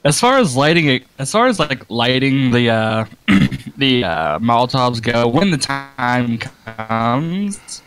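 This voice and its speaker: A man playing a tabletop game over a video call, his audio cutting out from a bad connection, talking in halting starts and restarts. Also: mid-range voice, sing-song, fairly bright tone, rough recording. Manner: halting, restarts often, clears throat. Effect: choppy audio cutting out from a bad internet connection. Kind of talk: casual online game session.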